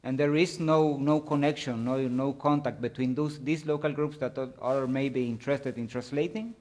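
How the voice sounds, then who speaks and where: A man giving a technical presentation with slides, speaking in a halting way and often searching for words. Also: mid-range voice, steady tone, darkish tone. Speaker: conference presenter.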